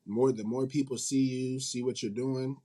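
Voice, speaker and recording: This man's voice sits at a medium pitch, mellow and fairly even in intonation, at a moderate pace. Chatting casually as an interview guest, the indie manga publisher and company CEO talks colloquially and repeats himself to stress his points.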